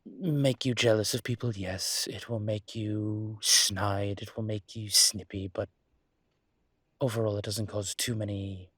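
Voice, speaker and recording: A man acts a refined, wary ancient demon professor in an intimate audio roleplay, speaking slowly and close to the mic in a very dry recording with no echo. His husky voice is fairly low, a bit bright and fairly even in intonation. The phrasing is formal and wry, with halting pauses, and the mood feels wry and instructive.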